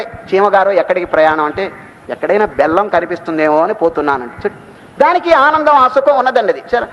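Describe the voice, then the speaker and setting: A man giving a devotional discourse, explaining verses in a conversational way and chanting them slowly. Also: sits high, fairly bright tone, slight background noise. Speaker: spiritual discourse speaker. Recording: dull audio with long hall reverb.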